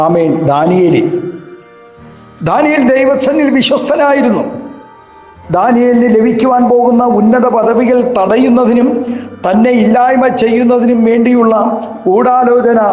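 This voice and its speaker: A man's voice: sits high, a little mellow, reverberant, long reverb tail. A man from Kerala, a pastor, preaching a fervent sermon and prayer with a Malayali accent, dropping in amens and hallelujahs. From Kerala, India.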